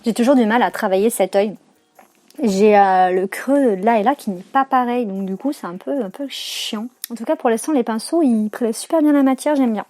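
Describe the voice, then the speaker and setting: A young woman talks her way through a makeup tutorial in a loose, chatty way. She leans on slang and fillers and often corrects herself mid-phrase. Her voice sits a little high. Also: normal speed, dark tone. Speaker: beauty vlogger. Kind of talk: casual makeup tutorial chat.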